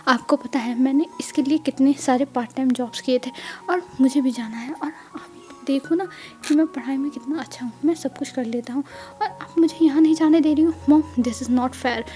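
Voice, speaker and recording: A woman's voice: high-pitched, steady tone, brisk, dark tone, faint music behind, natural voice. A woman voicing a stubborn young man who insists and pleads, repeating his demands in a whining way. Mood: insistent.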